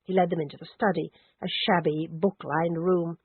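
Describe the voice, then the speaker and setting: A woman narrating an audiobook in a measured, descriptive reading style. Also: on the low side, steady tone, slightly rough. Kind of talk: scripted narration. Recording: dry, narrowband phone-like audio.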